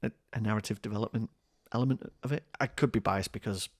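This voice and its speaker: A man's voice: on the low side, quick pace, no echo, clean studio sound. A man co-hosting a board game podcast, rambling in casual chat with wry jokes and frequent laughs. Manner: chatty, rambling, laughs often, wry joking. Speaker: podcast co-host.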